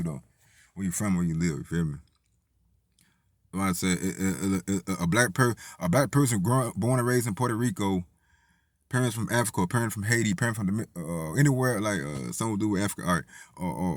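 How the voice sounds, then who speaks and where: A man's voice: sits low, no room sound, clean studio sound. A man from Tennessee, talking in a rambling, profane casual monologue full of restarts. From Tennessee, USA. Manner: rambling, profane, lots of restarts and "you feel me". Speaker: vlogger.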